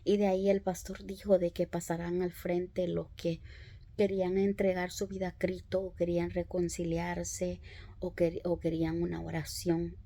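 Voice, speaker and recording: A woman telling her conversion story as a church testimony, in an unhurried, reflective way with frequent hesitations. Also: on the low side, monotone, warm tone. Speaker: preacher giving testimony. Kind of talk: personal testimony in a church talk.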